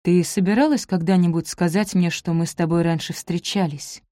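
A woman voicing a hurt young gentleman, speaking low, quiet and cold, and breaking into angry shouts. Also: fairly even intonation, normal speed, no room sound, clean studio sound, lightly acted.

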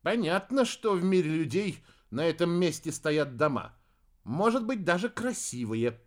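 A man's voice: on the high side, lively intonation, measured pace, voice pushed up. A man voicing a haughty, irritable young witch who speaks in a snappish, disdainful way.

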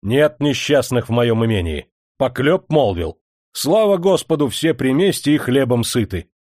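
A man's voice: medium pitch, very animated, normal speed, a little mellow, no room sound, studio quality, pitched above the performer's own voice. A man voicing a stern, arrogant wealthy factory owner who speaks in a cold, commanding way. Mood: angry.

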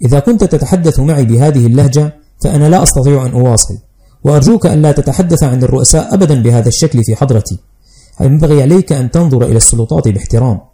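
A man's voice: mid-range voice, rapid-fire, dark tone, lightly acted. A man voicing a fussy, fearful old schoolteacher. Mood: anxious warning. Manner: anxious, prim, lecturing. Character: fussy, fearful older male schoolteacher, prim stickler. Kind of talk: audiobook character reading.

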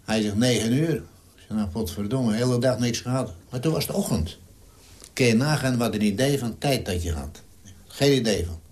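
A man's voice: mid-range voice, normal speed, darkish tone. A man in his nineties, a war veteran, telling his story in an interview in a blunt, salty way and acting out the dialogue. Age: 90s. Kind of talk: vivid wartime storytelling interview.

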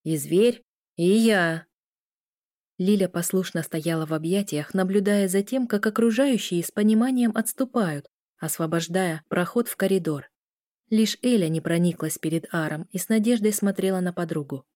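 A woman narrating a novel in an even storytelling read. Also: medium pitch, normal speed, dry recording, studio quality. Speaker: audiobook reader. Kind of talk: scripted narration.

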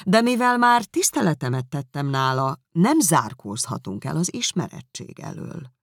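A woman's voice: sits low, sing-song, dry recording, exaggerated voice. A woman reading aloud and voicing a dry, ironic middle-aged father who teases his family. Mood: mock-serious. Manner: mock-serious, teasing.

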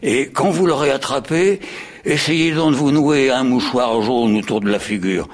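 A man doing a grumpy old wasp, husky. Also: medium pitch, normal speed, natural voice. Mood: lecturing. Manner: grumbling, stammering, peevish. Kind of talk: radio drama acting.

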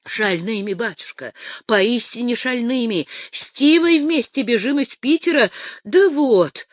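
A woman voicing a young naval lieutenant who speaks eagerly and excitedly to his elders. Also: fairly high pitch, measured pace, no echo, studio quality. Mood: overjoyed.

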